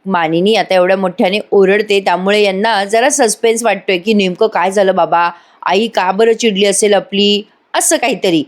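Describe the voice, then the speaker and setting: A woman's voice: mid-range voice, steady tone, normal speed. A woman narrating a voice-over recap of a TV serial episode in a chatty storytelling manner, talking to her listeners.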